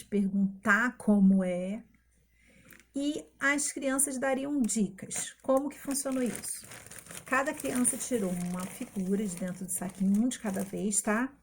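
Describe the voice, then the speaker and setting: A woman's voice: mid-range voice, darkish tone. A woman teaching first grade from home, explaining a classroom game step by step and checking in with her listeners. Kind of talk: recorded online class explanation.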